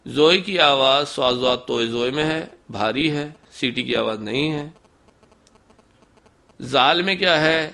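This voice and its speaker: A man teaching Quran recitation in a methodical lesson, slowly sounding out letters to show the differences between them. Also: medium pitch, creaky, pushed and bright. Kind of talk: instructional lesson.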